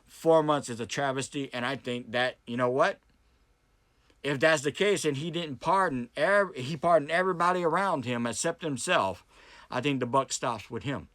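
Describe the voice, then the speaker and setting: An American commentator who hosts political debates talks straight to his viewers in an emphatic, unscripted monologue full of strong opinions, repeated points and rhetorical questions. His voice is mid-range and fairly bright, and the recording is dry.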